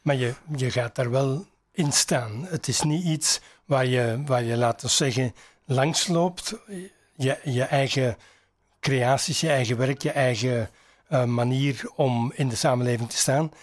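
Man, interviewer, measured, probing, some fillers. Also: mid-range voice. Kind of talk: interview questions.

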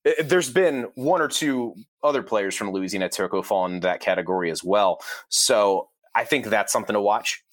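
Low-voiced man in dry sports talk. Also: normal speed, few pauses, no echo. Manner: conversational, with frequent fillers. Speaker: podcast co-host.

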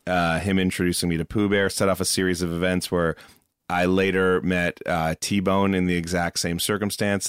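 A man who created the show, talking in a relaxed, rambling way in a casual interview. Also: sits low, smooth, no echo, clean studio sound. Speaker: show creator and musical director.

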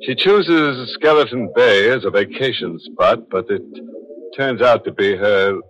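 An actor playing a sardonic, ghoulish horror show host in the theatrical style of an old radio announcer, full of macabre wisecracks. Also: male voice, on the low side, a little slow, fairly bright tone, slight background noise. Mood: ominous glee. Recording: muffled old radio broadcast, background music.

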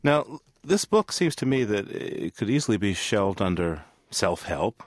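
A man with a low voice hosts a public radio interview. His pitch moves in wide, lively sweeps as he puts his questions. The sound is close and dry, and he often repeats words as he starts a sentence. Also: a little slow, dry recording. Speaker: radio show host.

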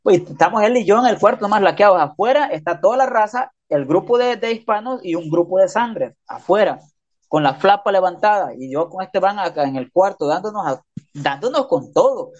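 Man, interview guest, rapid slangy storyteller, muffled recording. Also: high-pitched, animated. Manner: fast, slangy storytelling with sound effects. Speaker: podcast guest, prisoner.

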